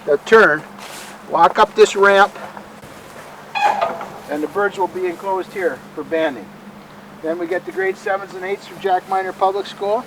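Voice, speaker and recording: A middle-aged man giving an informal tour as a calm museum guide, explaining things in a matter-of-fact, halting, folksy way. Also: high voice, heavy background noise. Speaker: bird sanctuary museum guide and bird bander.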